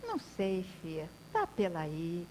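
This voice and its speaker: A woman voicing a gentle, frail, toothless old country man who speaks softly and haltingly. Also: fairly low pitch, wildly swooping pitch, a little hiss or hum, pitched below the performer's own voice, low-quality recording. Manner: soft, halting, calls others "fia".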